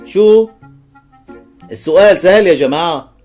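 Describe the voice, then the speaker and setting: A man's voice: sits high, lively intonation, normal speed, darkish tone. A man with a Levantine Arabic accent telling jokes in a playful storytelling manner. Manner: playful storyteller who laughs at his punchlines. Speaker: joke teller. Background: faint music.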